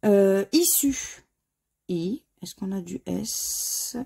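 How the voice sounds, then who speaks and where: Woman, from France, hoarse, mellow, unhurried, spells letters aloud. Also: medium pitch, animated. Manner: spells out letters one by one, muttering to herself. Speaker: scratch-card video host. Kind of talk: casual scratch-card commentary.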